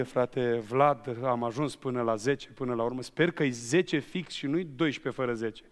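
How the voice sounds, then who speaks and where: Un bărbat predicator care spune o mărturie personală în predică, ca un povestitor viu ce se adresează direct adunării, într-o sală de biserică. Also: male voice, medium pitch. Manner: lively storyteller, addressing the congregation directly. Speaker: preacher. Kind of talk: sermon with personal testimony. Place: church hall. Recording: long church-hall reverb.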